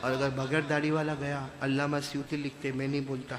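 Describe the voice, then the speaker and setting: A medium-pitched man preaches a passionate sermon to a gathering, swinging between loud chanting and calm talk and calling on the crowd to answer back. The recording has a long reverb tail and a noisy background.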